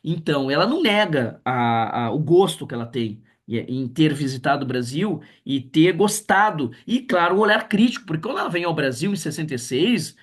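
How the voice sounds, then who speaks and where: Animated man teaching literature. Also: fairly high pitch, normal speed, hardly any pauses, slightly rough. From Brazil. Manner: animated, tag questions, reads poems aloud. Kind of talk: livestreamed literature lecture.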